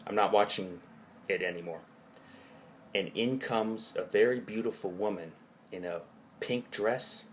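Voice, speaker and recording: A man recounting his own dream in a rambling, halting way, hazy and puzzled as he gropes for details and rephrases himself. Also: fairly low pitch, slight background noise. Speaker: narrator of own dream journal.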